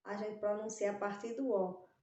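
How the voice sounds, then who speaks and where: A woman's voice: medium pitch, steady tone, normal speed, dark tone, echoey room, dull audio. A Brazilian woman teaching young children in a recorded lesson, drawing out syllables with a sing-song stress on key words. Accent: Brazilian Portuguese. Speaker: primary school teacher.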